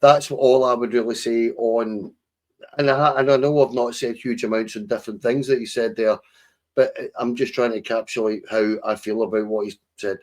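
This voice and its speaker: A man's voice: medium pitch, fairly even intonation, moderate pace. A Scottish man co-hosting a football podcast, weighing his words carefully and hedging his views. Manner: considered, hedging. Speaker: podcast co-host. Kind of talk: casual football chat.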